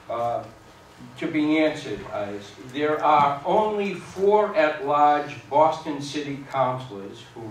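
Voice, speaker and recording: A man moderating a candidates' forum, slow and deliberate, adding small asides. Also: on the high side. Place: school hall, heard from afar. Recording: echoey hall, distant mic, faint noise.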